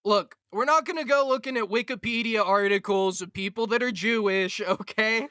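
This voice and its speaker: A young man co-hosting a comedy podcast, ranting in animated, mock-outraged bursts. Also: high-pitched, moderate pace, clean tone, no echo, clean studio sound. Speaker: podcast co-host. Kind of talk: casual comedic banter.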